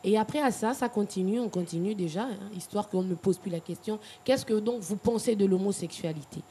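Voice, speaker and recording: A woman's voice: mid-range voice, fairly quick, dark tone, slight background noise. A woman from Cameroon and Gabon, speaking frankly as a guest in a TV studio interview. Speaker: guest singer.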